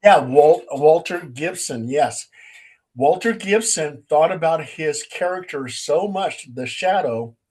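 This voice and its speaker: A man who is a paranormal investigator and co-host, telling stories in a casual, animated way and acting out quotes. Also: on the high side, slow pace, slightly rough, poor audio. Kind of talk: casual storytelling chat.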